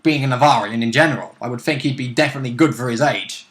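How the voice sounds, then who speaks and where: This co-host and player in a tabletop role-play series talks fast in a mid-range, fairly bright voice. During the casual game chat he rambles informally and speculatively as he explains the rules and characters.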